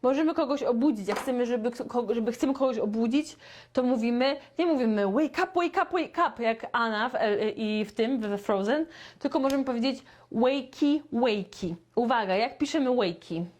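A young woman teaching beginner English, repeating phrases slowly and clearly for learners. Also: fairly high pitch, a little mellow. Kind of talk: slow beginner language lesson.

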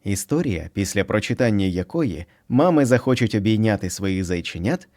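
Man, storyteller, children's book narration, playful, low voice. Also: normal speed. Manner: expressive, playful reading.

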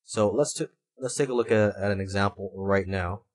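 A man narrating an explanatory screencast tutorial as an instructor, haltingly, often repeating words and restarting phrases. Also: lowish voice. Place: voice-over recorded for a screen recording.

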